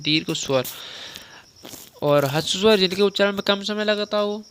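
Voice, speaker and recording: A young male teacher with a high, bright voice gives a relaxed grammar lesson. His delivery is crisp and clear, and he keeps repeating definitions and asking the listener questions. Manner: conversational, repeats points and quizzes the listener. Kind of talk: spoken lesson on Hindi grammar.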